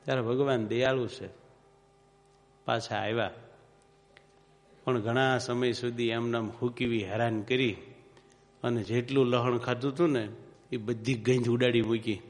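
A man's voice: medium pitch, steady tone, unhurried, long pauses, in a large hall. A man with a Kathiawadi Gujarati accent, telling a moral story as a preacher in a homely, moralizing way and putting questions to his listeners. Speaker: religious preacher. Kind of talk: storytelling sermon.

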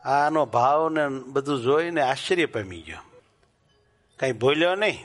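A man telling devotional stories in a sermon, in rural colloquial speech that turns animated when he quotes characters. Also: mid-range voice, normal speed, faint music behind. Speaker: religious storyteller.

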